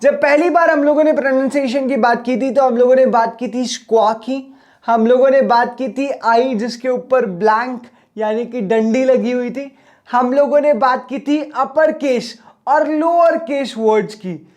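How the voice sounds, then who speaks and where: A male teacher giving a recorded exam-prep lesson. He is friendly, calls his viewers brothers and friends, and drags out example words slowly to show their syllables. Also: very high voice, darkish tone.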